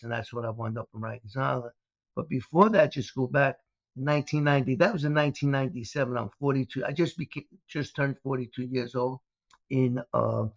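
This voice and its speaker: Recounting his past as an interview guest, a former mobster from Brooklyn, New York, now a speaker, rambles along with frequent "uh"s and restarts. He's an older man with a gravelly, medium-pitched voice. The storytelling is captured in dull, dry, lo-fi audio without room sound.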